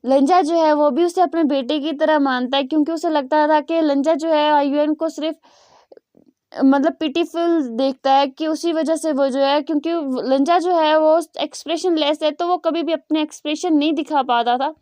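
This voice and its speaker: A woman's voice: sits high, fairly even intonation, moderate pace, a little mellow, no room sound. A woman host casually retelling a story to her channel viewers, with many filler words. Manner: fillers, repeats "jo hai" a lot.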